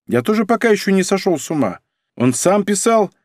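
A man reading an audiobook voices a nervous, cowardly male bookshop clerk who whines and mutters in a husky voice. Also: high voice, big pitch swings, fairly quick, no echo, clean studio sound, voice pushed up. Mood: indignant excited. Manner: whining, muttering, protesting. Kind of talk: audiobook character voice.

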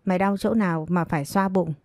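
A woman's voice: on the low side, fairly even intonation, fast talker, a little mellow, dry recording, clean studio sound, close to an everyday voice. A woman doing a mocking, cunning young maid. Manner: teasing, mocking.

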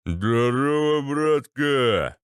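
Brief: swaggering drunk ex-paratrooper, voiced by a man, bassy and crude, slow and smooth. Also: lively intonation, dry recording, studio quality. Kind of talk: audiobook character voice.

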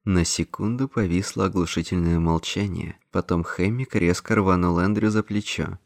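A man narrating an audiobook in an even, measured reading voice. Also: deep voice, vocal fry, no room sound, clean studio sound. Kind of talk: scripted narration.

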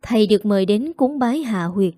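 A woman narrating a dramatic story in a steady storytelling voice. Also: mid-range voice, a little fast, no echo, studio quality.

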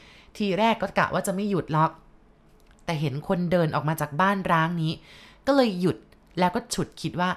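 A woman narrating a ghost story in a loose, conversational way, slipping in asides to her listeners. Her voice sits on the low side for a woman. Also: fairly quick.

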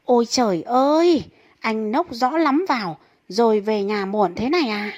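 A woman voicing a young wife who scolds her drunk husband in a shrill way, in a comic story. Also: moderate pace, a little mellow, close to an everyday voice. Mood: scolding.

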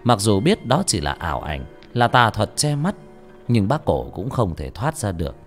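Low-voiced male audiobook narrator. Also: normal speed. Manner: expressive, dramatic. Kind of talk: dramatic story narration. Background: faint music.

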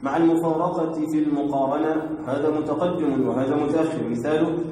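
A man reads a classical text aloud for his teacher, moving steadily through names and lists. His voice sits slightly high but sounds dark and mellow. The room is heavily reverberant, with faint noise underneath. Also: fairly even intonation, fairly quick. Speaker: student reading the text aloud. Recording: very echoey hall with faint noise.

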